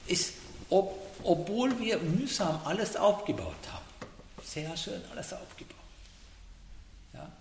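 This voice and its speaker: A man giving a meditation talk in halting German, often checking in with a questioning "ja?". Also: high-pitched, sing-song, creaky. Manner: halting non-native German, frequent "ja?" checks. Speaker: meditation teacher. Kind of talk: dharma talk. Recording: echoey hall, faint noise.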